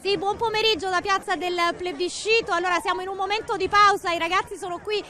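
Bright high-voiced woman reporting live outdoors. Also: fairly even intonation. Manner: upbeat, quick live reporting with frequent "eh" fillers. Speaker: field reporter. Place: outdoor city square with a large crowd. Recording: outdoor broadcast with crowd noise.

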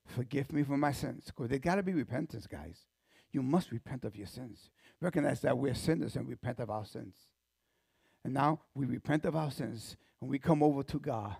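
A man pastor preaching a sermon in a church, swinging from soft, hushed phrases to loud shouted passages, with many restarts. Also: mid-range voice, gravelly, breathy edge, dry recording, clean studio sound.

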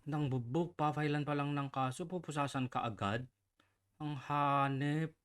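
A man giving casual reaction commentary. His voice sits a little high, and he keeps slipping in teasing, sarcastic asides. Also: steady tone, a little slow, a bit bright, slight background noise. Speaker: online commentator.

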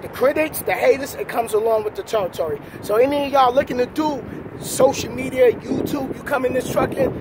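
A New York City trucker who hosts a vlog speaks briskly in an extremely high-pitched voice, delivering an emphatic, slangy pep talk and repeating his points. He stands outdoors beside a parked semi truck, holding the camera at arm's length, and loud wind and vehicle noise fill the recording.

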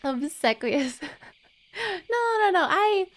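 A young adult woman livestreams games from an indoor streaming setup, chatting casually with viewers in an expressive, giggly way. Her voice is very high-pitched and slow, picked up by a close desk mic on an arm, with faint game music in the background.

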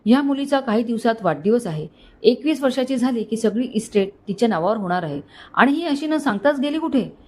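A woman's voice: on the high side, lively intonation, brisk, slightly rough. A woman voicing an elderly wealthy father who sounds earnest and pleading, in a storybook reading. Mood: worried.

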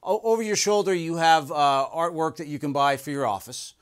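A man's voice: a little high, brisk, smooth. A middle-aged man hosting an interview in a studio, complimentary and enthusiastic. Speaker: host. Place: studio set, indoors.

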